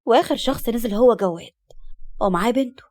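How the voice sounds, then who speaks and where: A woman with an Egyptian accent narrating a dramatic story in a steady storytelling cadence. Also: fairly high pitch, fast talker. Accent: Egyptian Arabic.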